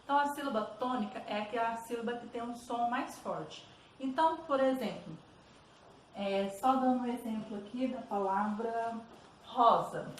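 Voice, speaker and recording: Brief: Brazilian woman, teacher voice, slightly high, patient explainer, distant echoey recording. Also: moderate pace. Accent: Brazilian Portuguese. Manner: patient, repeats "tá bom?" checks. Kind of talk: explaining school exercises. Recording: roomy echo, distant mic, faint noise.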